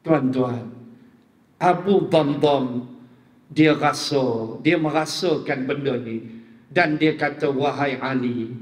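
Man, northern malaysian accent, joking storyteller preacher, high voice, roomy echo. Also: slow pace, long pauses. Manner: lively storyteller, jokes with the audience. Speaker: religious preacher. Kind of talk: storytelling sermon. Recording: reverberant hall.

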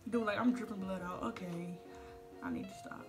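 A young woman filming herself on her phone in her bathroom, talking with a finger in her mouth. She chats in slang straight to her viewers, and her voice sits at an ordinary middle pitch. Clear music plays behind her. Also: moderate pace. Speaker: vlogger. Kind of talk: casual vlog tutorial. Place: home bathroom. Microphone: phone camera.

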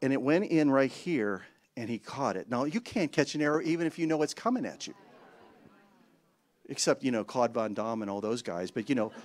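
A man preaching a sermon, telling a story with animated exclamations and chuckling asides. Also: medium pitch, moderate pace. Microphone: handheld mic.

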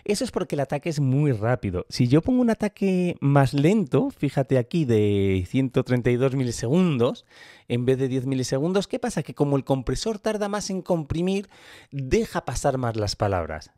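A man's voice: medium pitch, sing-song, moderate pace, dark tone, no room sound. A middle-aged man, explaining audio gear in a chatty way and often asking the listener to notice things, recorded on a close studio mic. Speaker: audio gear tutorial host. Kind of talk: explaining and demonstrating equipment. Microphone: close studio microphone.

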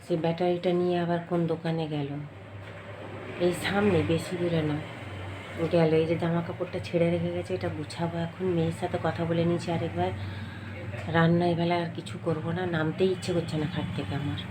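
Middle-aged woman, home vlog, chatty, slightly hoarse from a cold, background noise. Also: on the low side, flat delivery, brisk. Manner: chatty, addresses viewers directly, rambling. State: has a cold, throat getting hoarse. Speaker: vlogger. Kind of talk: casual daily-life vlog chat.

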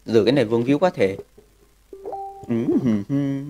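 A man's voice: medium pitch, normal speed, warm tone, soft background music. A man live-streaming a game, bantering crudely and jokingly with his viewers. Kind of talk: casual live-stream chat.

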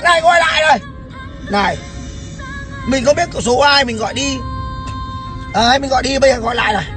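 High-voiced man taunting on a livestream. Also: brisk, music in the background, crowd noise, low-quality recording. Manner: mocking, profane, sarcastic. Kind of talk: taunting phone-call livestream.

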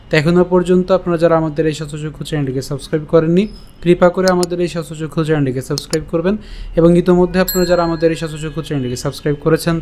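A man teaching a verse online, breaking each word into syllables and chanting it slowly. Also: fairly high pitch, a little mellow, slight background noise. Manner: slow syllable-by-syllable recitation of verses; explains pronunciation, then chants the verse. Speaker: Sanskrit recitation teacher. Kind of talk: online recitation lesson.

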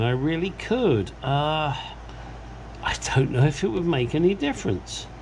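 A man's voice: mid-range voice, darkish tone. A middle-aged man with an English accent giving a casual hands-on demonstration, blunt, joking and sweary, in a small garage workshop. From England. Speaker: host of a garage how-to channel. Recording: clear ambient workshop noise.

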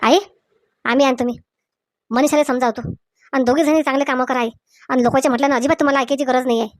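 A firm young husband who lectures his mother, speaking, as a woman puts him on. The voice stays fairly high and is recorded dry and close. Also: fairly even intonation, quick pace, no room sound, close to an everyday voice. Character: young married man, firm protective son.

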